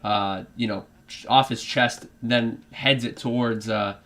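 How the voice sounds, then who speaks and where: A man's voice: mid-range voice, fairly even intonation, a little slow, fairly bright tone. A man with a put-on British accent giving rambling live football reaction commentary, full of fillers and restarts. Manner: rambling, many fillers and restarts, drifts off topic. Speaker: fan streaming a live match reaction.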